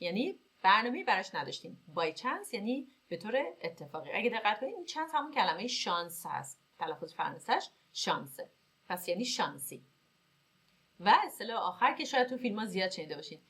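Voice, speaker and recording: A woman teaches English vocabulary in Persian, reading example sentences slowly and clearly before explaining them briskly. Her voice is mid-range and a bit bright.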